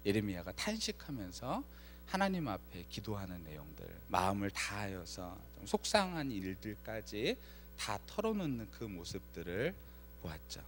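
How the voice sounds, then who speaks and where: A man's voice: lowish voice, normal speed, a little hiss or hum. A man preaching a Friday night sermon as pastor, telling a story with acted-out lines and questions to the congregation. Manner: lively storytelling, acts out quoted lines, asks the congregation questions. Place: church sanctuary.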